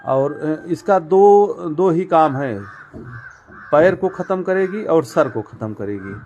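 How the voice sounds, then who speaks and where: Guy showing off his chicken farm, slightly high voice, lots of ums, calls you brother. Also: expressive, slow, a little mellow, highs cut off, slight background noise. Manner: explains step by step with many fillers and repetitions; addresses viewers directly as friends and brother. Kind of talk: casual walk-through demonstration. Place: outdoors at a poultry farm.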